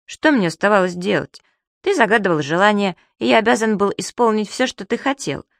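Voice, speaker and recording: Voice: mid-range voice, expressive, brisk, vocal fry, no room sound, studio quality, voice pushed up. A reader voicing a cheeky, gluttonous childlike male magic creature who talks in a chirpy, wheedling, pestering way. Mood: pleading.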